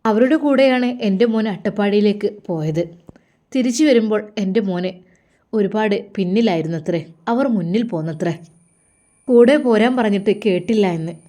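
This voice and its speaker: Brief: woman doing a anxious pleading mother, raised pitch, soft mellow voice. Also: moderate pace, pauses often, lightly acted. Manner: tearful, pleading, repeatedly calling her son. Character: grieving middle-aged mother, anxious and pleading.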